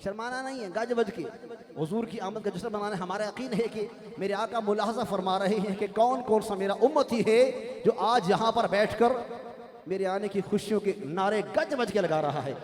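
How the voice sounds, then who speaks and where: A man reciting devotional naat at a live gathering, rousing the audience to chant along. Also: high-pitched. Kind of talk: devotional naat singing with crowd call-outs. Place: large gathering. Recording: echoey live event with loud crowd and music.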